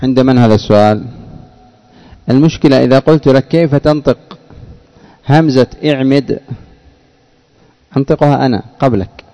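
A man's voice: medium pitch, moderate pace, pauses often, mellow, lo-fi sound. A man teaching grammar in a classroom, explaining rules and quizzing students by name. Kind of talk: classroom lesson with questions to students.

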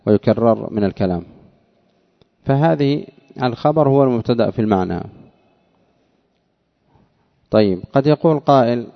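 A man with a gravelly, medium-pitched voice gives a grammar lecture, working through a text line by line in a didactic way and repeating phrases to drive points home. The recording sounds dull and lo-fi.

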